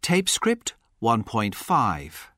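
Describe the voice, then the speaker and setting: As a language course narrator, a man announces track numbers in a formal, measured, sharp-toned voice. He speaks very slowly while his pitch swoops wildly across a wide range. The studio sound is dry, with no echo.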